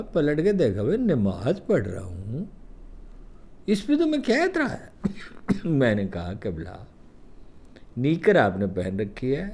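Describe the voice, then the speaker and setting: Older man telling lively anecdotes. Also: on the high side. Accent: Pakistani Urdu. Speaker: columnist recounting memories. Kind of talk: storytelling anecdotes.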